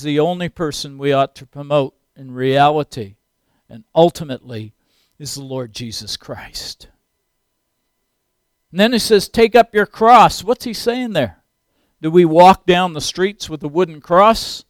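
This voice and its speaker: Older preacher, clean dry voice. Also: male voice, a little high, smooth, no room sound. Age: 60s. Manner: earnest preaching, rising to emphatic peaks. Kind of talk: sermon.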